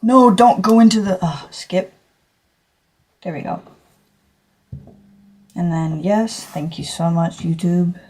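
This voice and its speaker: Teen girl, low voice, unhurried, rambling casual stream chat. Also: a little mellow. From Australia. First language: English. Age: teens. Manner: rambling, many fillers and self-corrections. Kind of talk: casual livestream chat while drawing.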